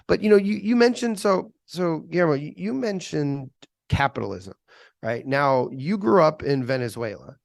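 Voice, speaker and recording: Host, man with a gravelly voice, rambling and chatty, dry close sound. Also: on the high side, expressive, moderate pace, no echo. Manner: rambling, many fillers and restarts, chatty. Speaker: interview host. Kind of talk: casual interview.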